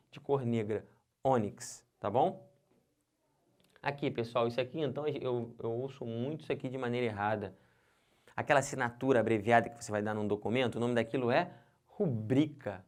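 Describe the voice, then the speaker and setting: Brazilian male teacher, middle pitch, upbeat, keeps checking that the class follows. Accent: Brazilian Portuguese. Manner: lively, talks straight to viewers with constant check-ins. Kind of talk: exam-prep lesson.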